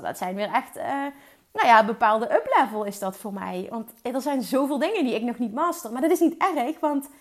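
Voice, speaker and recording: High-voiced woman coaching with energy. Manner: energetic, mixes English words into Dutch, emphatic repetition. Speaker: podcast host and business coach. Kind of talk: solo motivational podcast talk.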